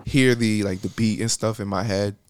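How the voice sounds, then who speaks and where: A young man from Miami, Florida, appears as a podcast guest in a casual interview chat, rambling with plenty of fillers. His voice sits fairly low, with a steady tone and moderate pace, captured in a dry recording.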